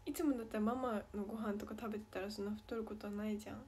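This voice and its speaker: A woman's voice: medium pitch, steady tone, racing, a little mellow, a little hiss or hum. A young woman with a Kansai Japanese accent, chatting playfully on a livestream as she reads fan comments aloud and answers them. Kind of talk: casual livestream chat.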